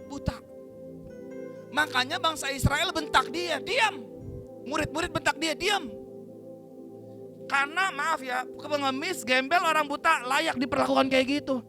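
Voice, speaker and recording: A man with an Indonesian accent preaching a sermon in a church. He preaches with lively energy, cracks jokes, leads the congregation in call-and-response and acts out the voices in Bible stories. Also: very high-pitched, moderate pace, music in the background. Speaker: pastor.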